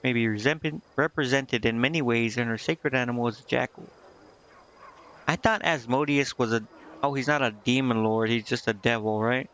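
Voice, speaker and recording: At normal speed and with a fairly bright, mid-range voice, a man streams a game, voicing its dialogue and commenting casually. He sometimes stumbles on the text before setting it right. The lo-fi sound carries game music behind him.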